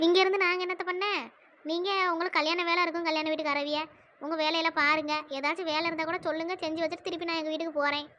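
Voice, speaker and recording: High squeaky cartoon auntie, fast scolding, dull lo-fi sound. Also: flat delivery, pushed and bright. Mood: complaining. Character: indignant middle-aged village woman, the sister. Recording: dull lo-fi audio.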